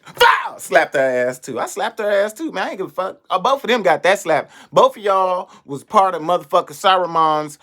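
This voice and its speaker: A young adult man, a comedian, telling a story in an animated, profane way and acting out the voices of the people in it. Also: sits high, brisk, hardly any pauses. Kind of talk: storytelling monologue.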